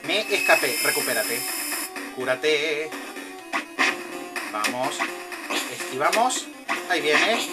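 A man giving live commentary over a video game, excitedly cheering himself on and swearing as he plays. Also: on the high side, slow pace, long pauses, low-quality recording. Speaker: gameplay commentator. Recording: loud game music behind the voice. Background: loud video game music.

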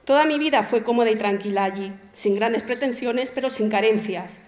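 A woman from Spain, an amateur writer reading her short story aloud in a modest, unhurried way. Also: on the high side. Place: municipal auditorium. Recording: echoey hall.

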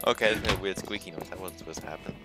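A woman guesting on a gaming video, bossy and animated as she urges her teammate on. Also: a bass voice, rapid-fire, loud music behind the voice. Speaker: guest player. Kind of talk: casual gaming chat.

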